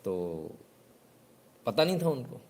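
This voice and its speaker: A man's voice: mid-range voice, very animated, slow, darkish tone. Sarcastic male live host. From Uttar Pradesh, India. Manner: sarcastic, mocking. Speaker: host of a live news show. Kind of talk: casual live commentary.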